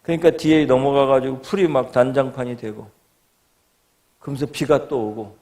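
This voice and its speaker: A middle-aged male guest pastor preaching in a church, telling a personal story with animated delivery and acting out quoted prayers and voices. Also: medium pitch, normal speed. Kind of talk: storytelling sermon. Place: church sanctuary.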